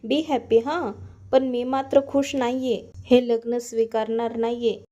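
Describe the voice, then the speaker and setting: A defiant young bride, bitter and resentful, firing off sharp questions in a rather high voice, as a woman storyteller reads her lines. She keeps a fairly flat, even tone while scolding. It sounds like a retold serial episode. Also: unhurried, lo-fi sound, lightly acted.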